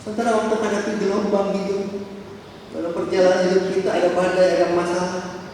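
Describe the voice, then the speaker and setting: A man with a notably high voice preaches a lively sermon, tossing out rhetorical questions and quick asides. He sounds far from the microphone in a big church hall, with heavy echo and a long reverb tail. A faint hum of room noise sits underneath. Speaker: pastor.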